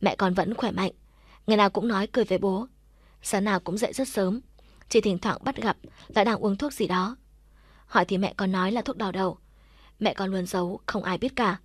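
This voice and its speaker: Woman reading as a bewildered father, dazed, quick, mid-pitched. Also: slightly rough, dry recording, studio quality, lightly acted. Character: stunned middle-aged father, bewildered.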